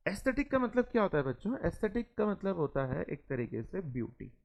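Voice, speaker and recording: A young man. He reads each English line slowly and carefully, then explains it at an easy conversational pace. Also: high-pitched, big pitch swings, gravelly, dull audio. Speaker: teacher. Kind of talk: classroom lecture.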